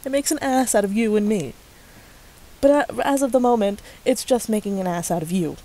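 A woman's voice: mid-range voice, fairly quick, dark tone, low-quality recording. A woman vlogging to a commenter, sarcastic and profane, often breaking into laughs. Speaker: YouTuber responding to a commenter. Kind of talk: casual ranting vlog.

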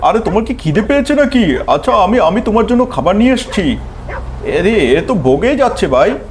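A man's voice: sits high, very animated, brisk, a little hiss or hum. A man voicing a young, scrappy talking pet dog who boasts and guards his turf. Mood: boastful.

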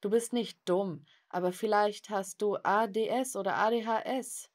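A woman's voice: medium pitch, fairly even intonation, normal speed, close to an everyday voice. Earnest apologetic teen boy tutor, a woman doing him in her normal voice, cartoon story dub.

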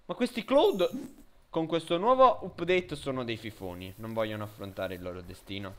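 A man giving excitable let's play commentary, swinging between loud shouts and low grumbling. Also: normal speed. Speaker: gamer.

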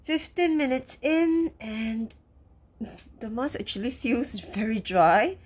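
A young woman talks casually with a sheet face mask on, her voice rising and falling in a lively way. She drifts and hunts for words as she describes how her skin feels. She is recorded indoors on a camera mic. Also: on the high side, slow, slightly rough. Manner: chatty, trailing off and searching for words. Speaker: beauty reviewer. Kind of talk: casual product review.

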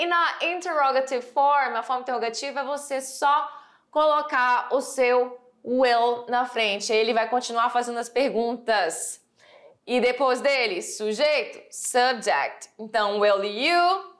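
A woman with a Brazilian accent gives a recorded English lesson in a fairly high voice. She takes her time, repeats the key phrases and slows right down whenever she reads an English example. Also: fairly bright tone. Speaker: English teacher.

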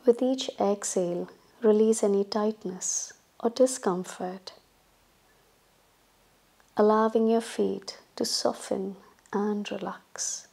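Leading a guided relaxation meditation, this woman yoga teacher has a husky, mid-range voice with vocal fry. Her delivery is calm, soothing and instructive, and she leaves long gaps between phrases.

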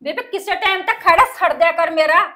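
A woman's voice: very high voice, a little fast, pushed and bright. An actress playing a young daughter-in-law who pleads and then stands up to her mother-in-law. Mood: defiant. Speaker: daughter-in-law in comic drama.

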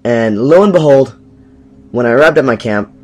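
A young man chatting excitedly over a game he is playing, rambling with filler words and sudden jumps in pitch. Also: normal speed. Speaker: gameplay commentator. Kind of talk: casual let's-play commentary.

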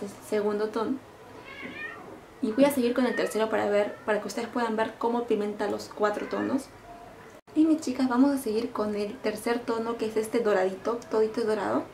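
Excited woman, higher pitch, gushes through a home makeup demo, roomy echo. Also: a little fast, vocal fry, slight background noise. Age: middle-aged. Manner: gushing, excited, lots of diminutives. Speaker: beauty vlogger. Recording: echoey room.

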